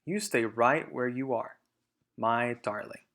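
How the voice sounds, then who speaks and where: A thoughtful grown fox and devoted father, voiced by a man reading aloud. His delivery is careful and deliberate, in a children's storybook manner. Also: mid-range voice, fairly bright tone. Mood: gentle, resolved.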